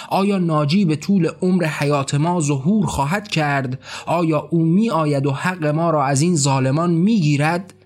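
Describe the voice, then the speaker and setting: A man voicing an angry young laborer who shouts furious questions in an audiobook drama. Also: a little high, close to an everyday voice. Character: angry young male laborer, defiant rebel.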